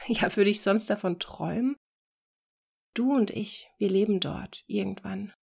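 A woman voicing a restless young man talking on the phone, excitable and quick in bursts. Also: medium pitch, creaky, husky. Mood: confiding.

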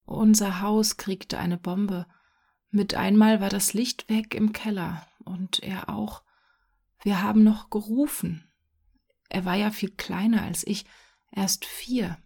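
A woman voicing a stubborn, sad nine-year-old boy in a storybook reading, speaking softly and often in a whisper. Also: medium pitch, fairly even intonation, slow, creaky, breathy edge, exaggerated voice. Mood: grieving.

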